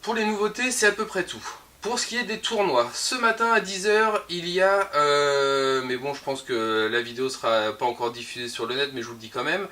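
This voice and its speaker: A man's voice: fairly high pitch, moderate pace, bright, forceful tone. A man with a French accent casually presenting the week's new board games in a shop video, chatty and upbeat with frequent hesitations. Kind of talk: casual weekly product roundup.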